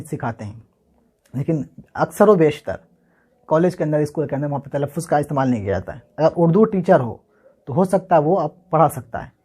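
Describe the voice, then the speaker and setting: A man teaches a casual Urdu handwriting lesson, his slightly raised voice on the high side, mellow and edged with breath. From Bihar, India, he spells out words one letter at a time, repeats them slowly again and again, and answers his own questions.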